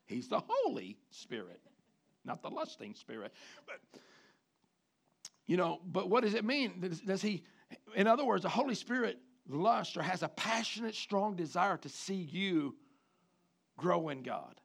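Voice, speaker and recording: A pastor preaches to his church, his gravelly, slightly high voice climbing into loud emphatic lines. He then sinks into soft, low asides. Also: sing-song, measured pace. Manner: preaching with sudden loud rises and soft drops, mimicking guys. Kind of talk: sermon.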